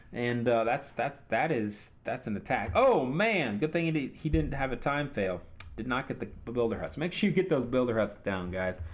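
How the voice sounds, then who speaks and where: A man giving casual commentary on a video game recap, coaching viewers directly in a chatty tone. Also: mid-range voice.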